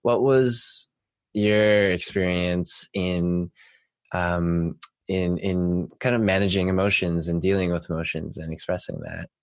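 A man hosting a podcast interview, asking questions haltingly while searching for his words. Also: sits low, fairly even intonation, dry recording. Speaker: podcast host.

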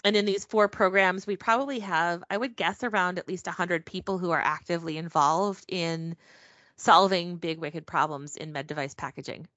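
A woman with a fairly low voice talks through a casual interview, rambling along with frequent ums and self-corrections. The call audio is dull and lo-fi with no room sound at all. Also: steady tone, moderate pace, a bit bright, no room sound. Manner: chatty, frequent ums and restarts. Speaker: podcast guest, packaging professional.

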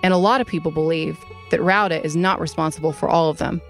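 A woman host reading scripted true-crime narration in a calm, measured way. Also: low voice, gravelly, soft background music. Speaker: podcast host, private investigator.

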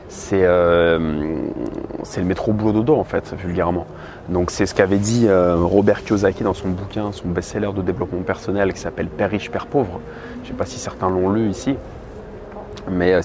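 A man in his thirties talking candidly and bluntly in a casual vlog, with plenty of fillers. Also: sits low. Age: 30s. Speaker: vlogger. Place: outdoors on a busy city street. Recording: noisy outdoor street recording. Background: traffic and street ambience.

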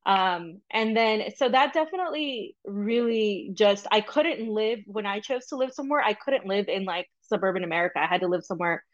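A young woman from Peru who was raised in Florida talks casually as a podcast guest, her medium-pitched voice coming through on dull audio. She chats and rambles in a casual interview, with lots of ums and quick asides.

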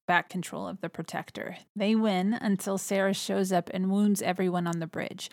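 A woman's voice: medium pitch, no room sound, clean studio sound. A woman hosting a podcast in an enthusiastic, chatty way. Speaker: podcast host. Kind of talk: casual chat.

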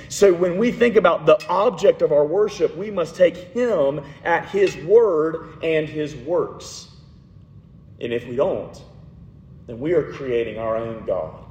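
A man preaching a sermon as pastor, earnest, often dropping to a soft voice for emphasis. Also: a little high, a little hiss or hum. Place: church sanctuary. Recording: roomy church hall with long reverb.

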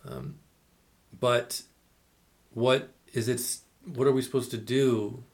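A man's voice: mid-range voice, fairly even intonation, slow. A man hosting a podcast in casual chat, reading passages aloud and explaining them in a loose, rambling way. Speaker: podcast host.

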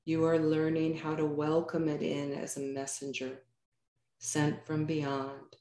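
A yoga nidra teacher guides a meditation, her low-pitched voice calm and her phrases measured and unhurried, broken by pauses. The room she's in sounds echoey.

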